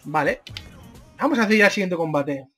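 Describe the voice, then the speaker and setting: A man with a Spain Spanish accent doing excitable let's-play commentary, yelling and swearing at the game. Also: high voice, brisk, faint music behind. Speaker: gamer.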